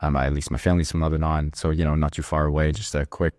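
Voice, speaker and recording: A man hosting a podcast interview from Canada, talking in a hyped, slangy, energetic way. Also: very deep voice, fast, no echo, clean studio sound. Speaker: podcast host.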